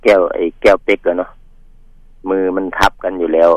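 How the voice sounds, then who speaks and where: Deep-voiced man telling a ghost tale. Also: flat delivery, no echo, lo-fi sound. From Northeast Thailand, Mekong riverside. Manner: halting, pauses often and repeats words; polite, addresses host as older brother. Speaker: guest telling a ghost story. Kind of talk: casual spoken storytelling.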